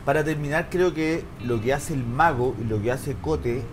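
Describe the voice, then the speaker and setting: A man's voice: mid-range voice, moderate pace, noisy background. A man giving his commentary as a panelist on a TV talk show. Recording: faint music bed under the voice.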